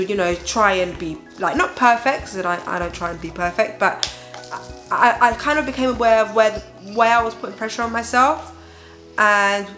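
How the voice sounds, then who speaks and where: Bright and forceful, her voice on the high side, a young mother who hosts a parenting vlog vents with exhaustion to her viewers. She talks candidly and emphatically about her feelings and keeps checking in with them.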